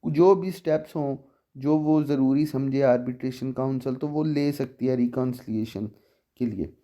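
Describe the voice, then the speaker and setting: A man explaining a law section by section. He reads the statute text slowly, then explains it while asking the listener questions. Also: mid-range voice, dark tone. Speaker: legal explainer.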